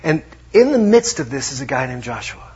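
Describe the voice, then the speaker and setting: A man preaching a sermon in a conversational way, dropping to hushed tones for emphasis. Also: mid-range voice, very animated, a little fast, breathy edge, muffled recording. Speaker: pastor.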